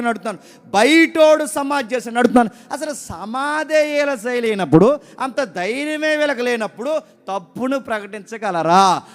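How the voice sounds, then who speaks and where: High-pitched man preaching a sermon. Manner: rhetorical questions to the congregation, urging them to listen; emphatic, repeats key words.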